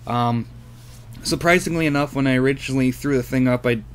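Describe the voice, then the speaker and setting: Filmed handheld outside and later at his computer, this man gives a casual show-and-tell of his radio antenna rig at a fairly quick clip. His pitch sits in the middle, his talk is rambling and full of hesitant fillers, and a faint hiss or hum runs underneath.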